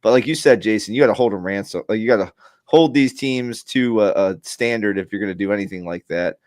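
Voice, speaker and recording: A man co-hosts a casual sports podcast in a fairly low, slightly mellow voice, talking quickly. He rambles, restarting often and using many fillers. The recording, through a remote streaming mic, is dry with a clean studio sound.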